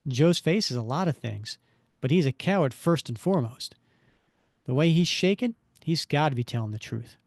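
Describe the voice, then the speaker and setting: Spider-Man as a cocky, wisecracking young hero with a lifted, lively voice, put on by a man reading a story aloud. He quips his way through every line, bouncing up and down in pitch. The sound is close and dry. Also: normal speed, no echo. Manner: quippy, sardonic inner monologue. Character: wisecracking male superhero, young adult.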